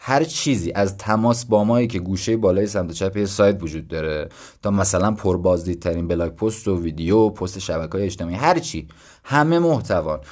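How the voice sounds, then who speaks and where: Low-voiced young man explaining casually. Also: lively intonation, darkish tone. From Iran. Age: 20s. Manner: conversational and explanatory, thinking aloud with self-deprecating asides. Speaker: podcast host. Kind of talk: casual solo podcast talk.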